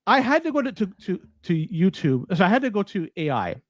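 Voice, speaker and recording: Male podcast co-host from Toronto, lively and high-pitched, exasperated, on a dry close mic. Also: brisk, dry recording. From Toronto, Canada. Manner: animated, swearing, exasperated. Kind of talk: casual podcast banter.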